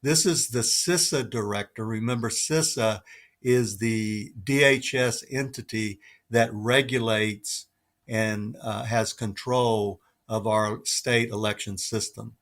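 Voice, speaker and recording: A man's voice: on the low side, fairly even intonation, slow, a bit bright. A man presenting slides on a talk show, earnest and emphatic, reading quotes aloud. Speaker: guest presenter.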